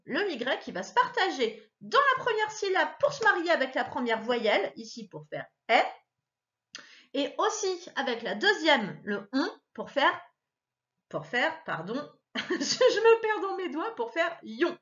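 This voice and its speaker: Lively, patient woman teaching a child. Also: highs cut off. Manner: patient, sounds out words slowly and repeats them; lively, pitch leaps up when stressing a point. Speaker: primary school teacher. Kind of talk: remote reading lesson for a young child.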